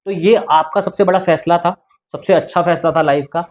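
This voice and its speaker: A man's voice: on the high side, steady tone, fairly quick. A man hosting a podcast, talking in an encouraging, somewhat preachy motivational way. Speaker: podcast host. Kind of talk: motivational interview talk.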